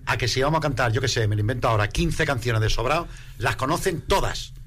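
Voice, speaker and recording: A man's voice: mid-range voice, fast talker, fairly bright tone, breathy edge. Chatty male rumba singer being interviewed. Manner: chatty, emphatic, expansive. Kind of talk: casual radio interview.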